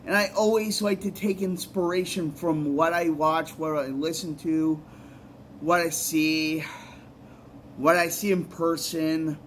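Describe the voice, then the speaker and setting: A man's voice: on the high side, steady tone, slow, a little hiss or hum. A man, a musician and poet, giving rambling, earnest advice in a casual vlog, often repeating himself.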